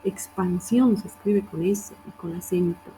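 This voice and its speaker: A woman's voice: fairly low pitch, measured pace, crowd noise, low-quality recording. A woman teacher reviewing student assignments, correcting wording and often checking in with her class.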